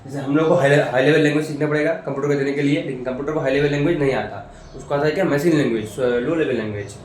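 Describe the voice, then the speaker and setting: Racing along in a high, darkish voice, this man teaches programming informally, walking through things step by step with lots of repetition and rhetorical questions. A distant mic in a very echoey room picks him up, along with faint noise.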